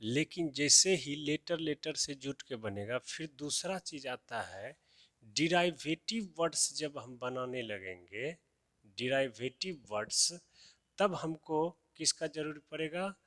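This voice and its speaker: Slow, patient male teacher. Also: fairly high pitch, expressive, a bit bright, no echo, clean studio sound. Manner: slow, repeats key terms as questions and answers them. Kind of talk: classroom lesson for children.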